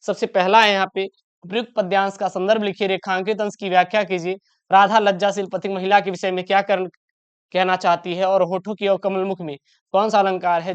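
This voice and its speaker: A man's voice: high-pitched, clean tone. A male teacher walking students through an exam paper, reassuring them and calling them beta. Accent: Hindi-speaking north India. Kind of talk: exam-prep lesson. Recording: dull lo-fi sound.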